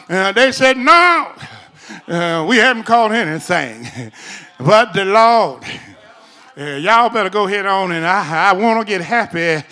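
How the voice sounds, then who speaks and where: Male preacher, high bright voice, unhurried phrasing, whooping call-and-response delivery. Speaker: pastor. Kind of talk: sermon. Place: church sanctuary.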